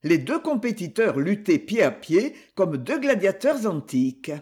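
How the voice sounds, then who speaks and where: Husky man narrating expressively. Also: high-pitched, a little slow. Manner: expressive storytelling. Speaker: audiobook narrator. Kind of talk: scripted narration.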